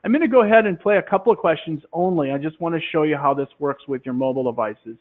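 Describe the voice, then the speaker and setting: A man demonstrating a classroom quiz game, explaining in a relaxed way with many fillers into a headset. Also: on the high side, quick pace. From Minnesota, USA. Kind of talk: software demonstration talk. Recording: tinny phone-like line.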